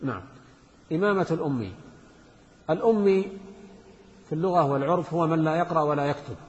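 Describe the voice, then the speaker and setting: Male fiqh teacher, slightly high voice, repeats each point with examples, dull reverberant hall recording. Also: fast, a little mellow. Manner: repeats points, reads text then explains with examples. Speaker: Islamic jurisprudence teacher. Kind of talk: explaining a fiqh text to students.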